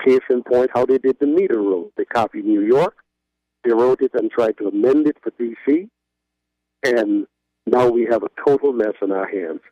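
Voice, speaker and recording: A man's voice: medium pitch, normal speed, no room sound. Man on a poor-quality phone line. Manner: firm, critical, builds points in lists. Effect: poor-quality phone line audio. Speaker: cab company general manager. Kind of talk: phone interview. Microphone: cell phone. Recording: dull, dry phone-line audio.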